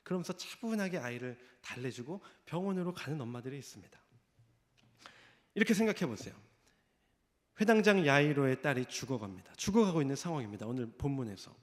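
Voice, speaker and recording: A man with a mid-range voice preaches a sermon at a brisk, very animated clip, telling a story and acting out the voices of its characters. The long reverb of a church hall surrounds him.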